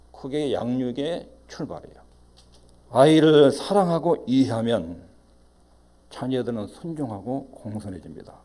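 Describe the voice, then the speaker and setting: A man's voice: mid-range voice, mellow. A middle-aged male pastor, preaching emphatically and acting out parents in quoted asides. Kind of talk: sermon.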